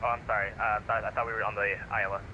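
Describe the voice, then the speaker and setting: A man's voice: on the low side, level tone, very fast. A man making hesitant pilot radio calls to air traffic control, full of fillers and corrections, over a choppy radio transmission that breaks up. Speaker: pilot in an online flight simulation. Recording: dull lo-fi radio with static noise.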